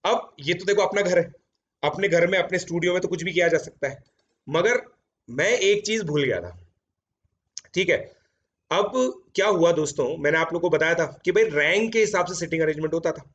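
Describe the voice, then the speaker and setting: A chatty man in his thirties tells his students a story, mixing Hindi and English and tossing in "theek hai" fillers. His voice sits a little high for a man. The sound is dull and lo-fi, recorded in a home studio. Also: a little fast, fairly bright tone. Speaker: JEE coaching educator.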